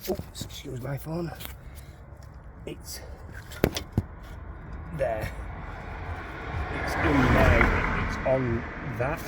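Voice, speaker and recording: Here the Sheffield DIY van owner speaks very slowly with frequent pauses, his medium-pitched voice set against lots of noise. He rambles through the van repair on a handheld outdoor phone video, repeating words along the way.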